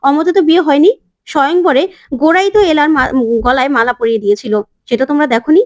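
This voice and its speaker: A woman's voice: high-pitched, quick pace, close to an everyday voice. A woman voicing a middle-aged aunt who defends the young wives and reproaches the grandmother. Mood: reproachful.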